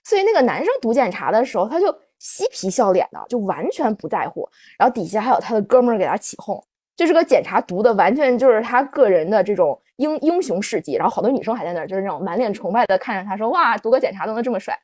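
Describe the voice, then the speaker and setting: A woman's voice: medium pitch, quick pace, breathy edge, no room sound, clean studio sound. A woman podcast host sharing a personal story on a livestream, candid and full of fillers. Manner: animated, confessional, many fillers.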